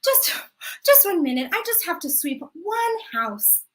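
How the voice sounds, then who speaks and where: A woman's voice: extremely high pitch, very animated, a little slow, full character voice. A woman voicing a wily grandmother in a trickster tale, coaxing and stalling with repeated exclamations. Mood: coy stalling.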